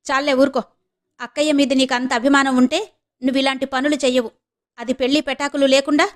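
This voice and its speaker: A woman's voice: sits high, little pitch movement, a little fast, voice pushed up, lightly acted. A woman voicing a stern middle-aged mother who scolds sharply, in a storybook reading. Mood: angry. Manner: sharp and rebuking.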